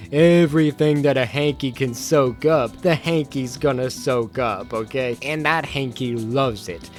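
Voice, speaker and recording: A man giving a casual, rambling movie review, excitable and joking, often cutting himself off and laughing. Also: a little high.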